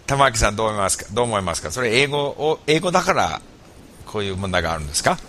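A man who is not a native speaker hosts a chat, asking halting questions and often rephrasing them. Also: on the low side, very animated, bright, forceful tone, a little hiss or hum. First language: not Japanese. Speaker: host. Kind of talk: conversational interview.

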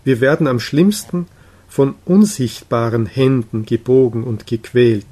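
A man reading the lines of a wise, solitary male prophet, speaking in a measured, solemn way. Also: medium pitch, lively intonation, warm tone. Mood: grave.

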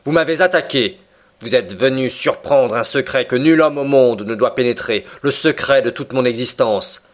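A man voicing a cold, stern middle-aged submarine captain who speaks in a measured, unyielding way, in an audiobook reading. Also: medium pitch, pitched above the performer's own voice, close to an everyday voice.

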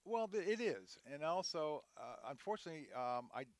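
A head equipment manager in his sixties appears as a guest on an interview podcast, warmly telling long, rambling stories packed with restarts and fillers. His voice is a little high and very animated, moving at a moderate pace in a dry recording.

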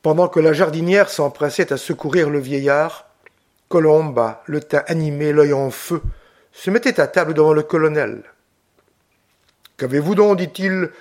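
A man narrating a classic novel in a measured, expressive reading. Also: fairly high pitch. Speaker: audiobook reader. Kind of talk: literary audiobook narration.

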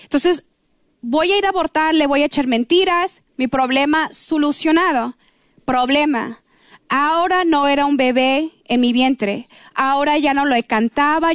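A woman's voice: sits high, moderate pace, no echo, studio quality. A middle-aged woman, telling her personal testimony on a radio program in an earnest, emotional storytelling manner. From Mexico. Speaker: guest giving testimony.

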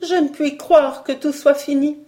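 A woman's voice: high voice, steady tone, unhurried, dark tone, pitched above the performer's own voice. A woman voicing a fragile, passionate young woman poet with a broken, tearful voice in an audiobook. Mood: anguished.

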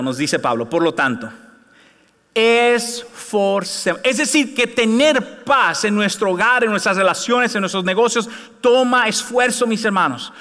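A male pastor, preaching a playful, lively sermon to his congregation in a church. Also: high voice. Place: church hall. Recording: long hall reverb from a church.

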